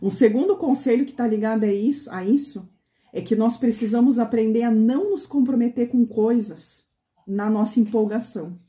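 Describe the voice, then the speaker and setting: High mellow woman preaching in echoey hall. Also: moderate pace. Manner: conversational, often asks the women questions. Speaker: pastor. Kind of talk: sermon to a women's meeting.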